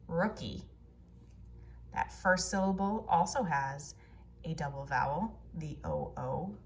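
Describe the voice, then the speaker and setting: A woman teaching a phonics lesson to children, sounding out letters and words in slow, drawn-out drills. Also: fairly low pitch, a little hiss or hum.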